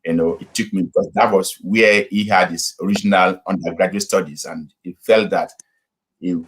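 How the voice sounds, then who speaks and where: A middle-aged Nigerian pastor, appearing as a guest, tells his story at an easy pace over a video call, filling it with ums and restarts. His voice is low and fairly even in intonation, and the low-quality recording carries slight background noise. It's a casual interview built around storytelling.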